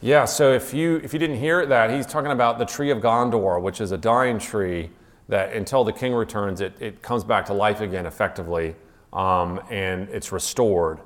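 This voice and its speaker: A man's voice: fairly low pitch, normal speed, in a large hall. A male teacher giving an enthusiastic classroom lecture, with frequent restarts and asides. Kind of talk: classroom lecture with read-aloud passages.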